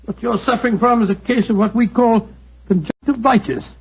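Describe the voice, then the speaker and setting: An actor playing a genial, blustery English doctor in 1940s radio style, bumbling and stammering with a British accent. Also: male voice, very high voice, a little fast, vocal fry. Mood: kindly, fussing. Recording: muffled, noisy old 1940s radio recording.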